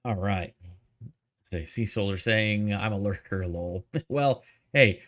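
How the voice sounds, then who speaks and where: A man's voice: lowish voice, takes it slowly, fairly bright tone. A man hosting a live show, casually chatting and greeting viewers in the chat by name. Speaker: livestream host.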